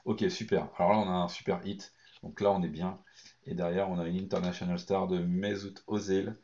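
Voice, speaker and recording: A hoarse man chatting excitedly through a card pack opening, hesitating often between remarks. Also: deep voice, fairly quick. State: hoarse, lost voice from shouting. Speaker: card collecting YouTuber. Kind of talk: unboxing commentary. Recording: dull lo-fi recording.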